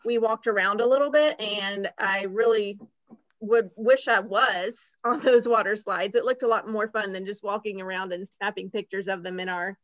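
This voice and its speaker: A woman's voice: mid-range voice, steady tone, normal speed, fairly bright tone, no room sound, lo-fi sound. A woman co-hosting a casual podcast chat, chatty and laughing easily. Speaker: podcast co-host.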